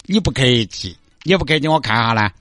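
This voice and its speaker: A man's voice: mid-range voice, animated, fairly quick, a bit bright, no room sound, pitched below the performer's own voice, close to an everyday voice. A man voicing a stubborn old female beggar with a Sichuan accent, taunting and brash. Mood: scornful. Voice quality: brash, taunting dialect banter.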